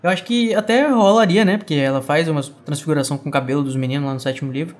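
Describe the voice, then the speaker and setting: Fast-talking man chatting on a podcast. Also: on the high side. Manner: chatty, lots of "né" tag questions. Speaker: podcast co-host. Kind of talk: casual book-club chat.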